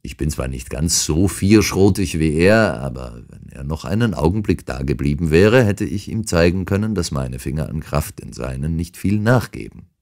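Man doing a calm detective, audiobook, dry irony, unshaken, very low voice. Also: moderate pace, vocal fry, few pauses, exaggerated voice. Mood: amused, brisk. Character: calm, ironic adult male detective. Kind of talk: audiobook character reading.

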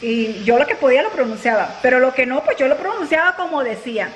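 High-pitched woman rambling through a home vlog, laughs a lot, noisy background hiss. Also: animated, fast talker. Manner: chatty storyteller who laughs often. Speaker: family vlogger. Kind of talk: casual family vlog chat. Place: at home, then in a car. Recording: noisy home video recording.

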